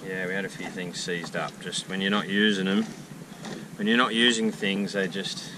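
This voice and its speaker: A man's voice: sits low, steady tone, normal speed. A man chatting in a laid-back way while working on a boat deck outdoors. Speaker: sailor, co-host. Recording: distant camera mic with loud wind noise.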